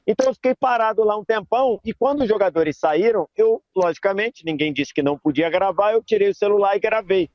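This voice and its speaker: High-voiced man telling a reflective story. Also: fairly quick, hardly any pauses, no echo, muffled recording. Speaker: reporter at the stadium. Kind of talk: debate panel commentary.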